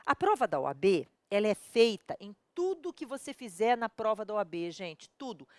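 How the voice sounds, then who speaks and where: In a law exam prep video, a woman with a Brazilian accent and a mid-range voice speaks at normal speed, very animated. She addresses viewers directly and casually, peppering the lesson with rhetorical questions, and there is no echo.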